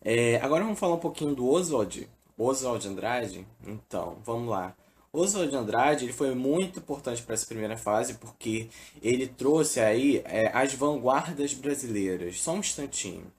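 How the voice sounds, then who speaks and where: Male teacher, Brazilian accent, mid-pitched, casual delivery with frequent fillers. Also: expressive, normal speed, darkish tone. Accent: Brazilian Portuguese. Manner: casual, fills with "né" and "é". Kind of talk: informal recorded lesson.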